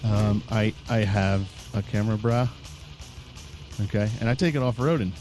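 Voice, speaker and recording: A man's voice: on the low side, moderate pace, darkish tone, faint music behind. A man co-hosting a podcast, chatting in a rambling, laid-back, joking way. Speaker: podcast co-host. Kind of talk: casual chat.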